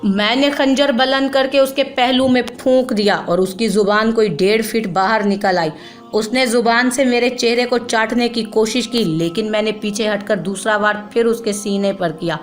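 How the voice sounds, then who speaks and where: A woman narrating a novel in a steady, measured storytelling voice. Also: on the high side, soft background music.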